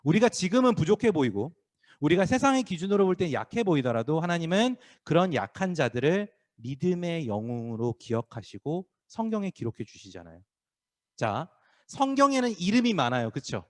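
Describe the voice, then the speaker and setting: A man's voice: fairly high pitch, brisk. A man preaching a casual, playful sermon to middle schoolers as youth pastor, acting out voices as he goes. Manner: lively, acts out crowd voices, teasing students by name. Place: small church worship room.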